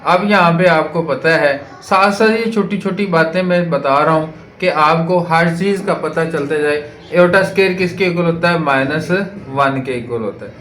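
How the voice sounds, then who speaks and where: A man's voice: on the high side, a bit bright. A man lecturing as a math teacher, working through problems step by step and asking rhetorical questions as he goes. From Pakistan. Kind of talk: board lecture solving exercises. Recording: echoey room with faint noise.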